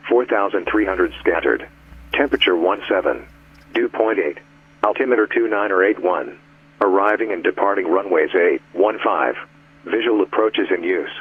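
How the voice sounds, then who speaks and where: Man, deep and husky, reading an airport weather broadcast over a tinny radio line. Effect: automated airport weather broadcast over radio. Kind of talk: flat recorded information readout.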